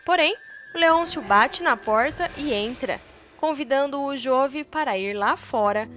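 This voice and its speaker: A woman narrating a soap-opera recap in a brisk, lively storytelling manner. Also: high voice. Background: faint music.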